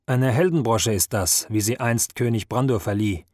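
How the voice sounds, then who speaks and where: A man voicing a solitary male wolf warrior, speaking in a grave, measured way in a storybook reading. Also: mid-range voice, darkish tone, dry recording, studio quality, close to an everyday voice.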